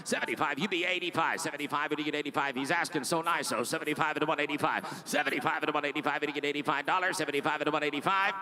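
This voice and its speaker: A man working as a live auctioneer, calling bids in a rapid, rhythmic, repetitive chant. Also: fairly high pitch, sharp tone.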